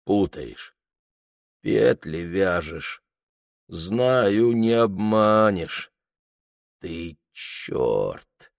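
A man's voice: lowish voice, slow pace, darkish tone, no echo, clean studio sound. A man reading aloud, voicing a drunk, grey-haired old merchant who talks in a weary, brooding way. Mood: sluggish.

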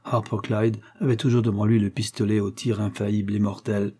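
A man narrating a Western novel as an audiobook, measured and dramatic. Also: on the low side, flat delivery, warm tone, slightly rough.

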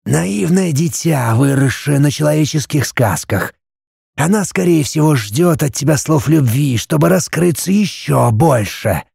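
A man voicing an ancient male basilisk, speaking hushed, slow and measured, a little higher than his own voice. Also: expressive, gravelly, breathy edge, no echo, studio quality, exaggerated voice. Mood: admonishing. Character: ancient male basilisk, calm, wise and admonishing.

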